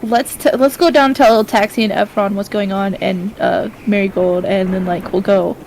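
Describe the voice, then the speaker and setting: A woman's voice: medium pitch, fairly even intonation, moderate pace, vocal fry, a little mellow, a little hiss or hum, low-quality recording. A woman playing a tabletop game, chatting brashly and swearing freely. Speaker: player. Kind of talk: casual chat.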